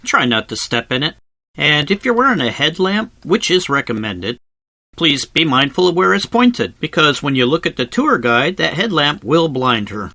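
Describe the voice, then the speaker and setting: Animated male travel narrator with a bright voice. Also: on the high side, moderate pace, dry recording. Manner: conversational, wry asides, explanatory. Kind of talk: scripted voice-over narration, informal tour guide. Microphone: close voice-over microphone, recorded separately from the cave.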